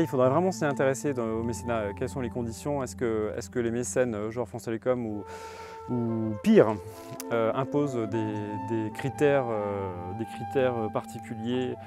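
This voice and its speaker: A young man casually reviewing music albums to a phone camera, thinking aloud with many hesitations. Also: medium pitch. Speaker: vlogger presenting borrowed music albums. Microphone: phone camera on a tripod.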